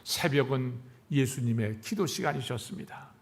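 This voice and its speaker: A male pastor preaching a sermon in earnest, pushing his voice up on key phrases and letting it fall at sentence ends, slowing down for emphasis. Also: mid-range voice. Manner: measured, earnest delivery with deliberate slowed emphasis.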